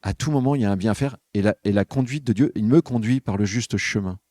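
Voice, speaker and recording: A man with a low, mellow voice gives a reflective homily. He talks with listeners in a conversational way. The sound is dry and close. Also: fast talker, no echo. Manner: conversational, addresses listeners directly. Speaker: podcast speaker on spiritual life.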